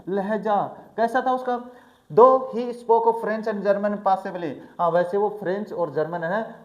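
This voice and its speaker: A male teacher explaining a textbook chapter, reading English lines slowly and then explaining them in a chatty way. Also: high voice, darkish tone. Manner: chatty, addresses students as brother. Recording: echoey room.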